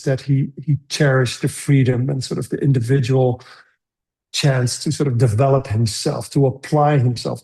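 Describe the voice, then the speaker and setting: A man's voice: mid-range voice, creaky, mellow. A middle-aged man from the Netherlands, a screenwriter being interviewed, who talks thoughtfully and often restarts his sentences. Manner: thoughtful, halting with many restarts. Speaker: screenwriter guest. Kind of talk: conversational interview.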